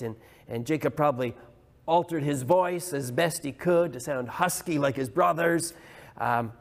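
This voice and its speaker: A man's voice: on the high side, a little mellow. A male pastor preaching a sermon, retelling a story earnestly with small restarts. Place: church hall. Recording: long hall reverb.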